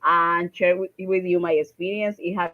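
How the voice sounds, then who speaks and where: A woman's voice: fairly low pitch, fairly even intonation, normal speed. Friendly woman on a dull call line. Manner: friendly, with fillers. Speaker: program fellow and law student. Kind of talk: self-introduction on a video call. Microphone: video call.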